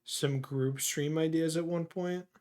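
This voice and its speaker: A man's voice: a little high, fairly even intonation, measured pace, a little mellow. A young man chatting casually on a stream, laid-back, leaning on "like" and "dude" while grumbling about apps. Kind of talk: casual chat.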